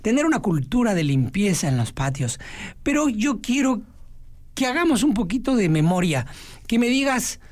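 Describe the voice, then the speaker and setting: A chatty male vulture hosts a children's radio show, voiced by a woman. He speaks, stops often on fillers, and his pitch rises and falls widely. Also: sing-song, moderate pace, darkish tone. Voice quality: full of hesitant fillers.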